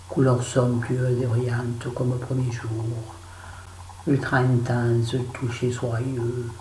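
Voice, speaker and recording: A woman's voice: very deep voice, warm tone. A middle-aged woman chatting casually through her used-up beauty products, playfully putting on a southern French accent. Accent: southern French, put on. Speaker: beauty vlogger. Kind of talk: casual empties review. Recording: echoey room with faint noise.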